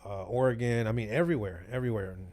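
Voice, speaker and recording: A man's voice: fairly low pitch, fast talker, darkish tone. A man guest on a chat show, telling stories in a laid-back, slang-heavy way and laughing along. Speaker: guest rapper. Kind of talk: casual storytelling chat.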